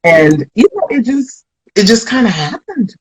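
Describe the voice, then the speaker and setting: Captured on a rough recording, a Flatbush, Brooklyn comedian with an American accent meanders through reflective stories in a casual interview, often restarting and saying "you know". Her voice is on the high side and slightly rough, sing-song and a little slow.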